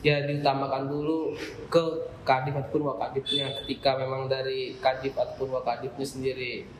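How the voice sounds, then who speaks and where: A man's voice: mid-range voice, level tone, moderate pace, slight background noise. A young man, a student association chair, explaining his group at length in a casual podcast chat, with frequent fillers. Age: young adult. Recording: roomy room with faint ambience.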